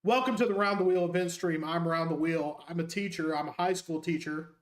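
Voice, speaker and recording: High-voiced joking male game streamer. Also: a little fast, echoey room. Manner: jokey, rambling, self-mocking. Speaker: streamer and high school English teacher. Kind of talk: casual gameplay commentary.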